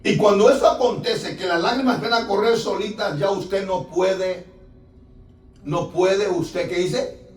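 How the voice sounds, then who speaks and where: Man, pastor, sermon, emphatic, drawn-out words, echoey church hall, distant mic. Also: high-pitched, steady tone. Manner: emphatic preaching with drawn-out words and direct questions to the congregation.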